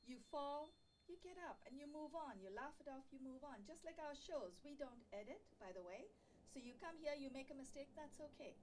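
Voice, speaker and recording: A woman hosting a yoga show in a TV studio, chatting warmly and encouraging viewers, laughing easily. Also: sits high, animated, a little fast, distant mic, slight background noise. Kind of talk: friendly studio chat.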